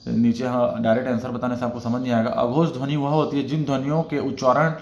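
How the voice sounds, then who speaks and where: A man's voice: medium pitch, level tone, fast, a little mellow, reverberant, a little hiss or hum. A man teaching as an exam-prep tutor, going through test questions one by one and checking in with his viewers as he explains. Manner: explanatory, repeats "theek hai" as filler.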